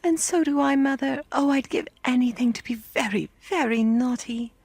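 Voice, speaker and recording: A woman's voice: a little high, sing-song, normal speed, creaky, a little mellow, breathy edge, no room sound, voice pushed up, full character voice. A woman voicing earnest, tearful little girls in a storybook, pleading and insistent. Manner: sobbing, beseeching.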